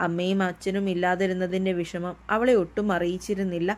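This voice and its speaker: A woman's voice: on the low side, flat delivery, brisk. Woman reading a romance story aloud. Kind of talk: read-aloud romance narration.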